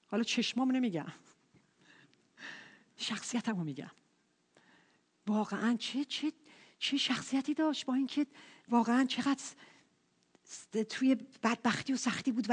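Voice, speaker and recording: A woman preaching a sermon and putting questions to the congregation in an animated way. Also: on the high side, husky. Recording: reverberant hall.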